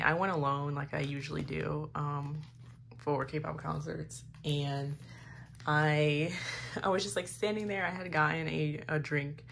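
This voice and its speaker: A young woman rambling casually as she sorts K-pop photocards, giggling, filling her talk with "like" and restarts and trailing into soft mutters. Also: deep voice, vocal fry, slight background noise. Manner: drifts into soft mutters while sorting cards. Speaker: K-pop photocard collector vlogger. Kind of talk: casual chatty vlog.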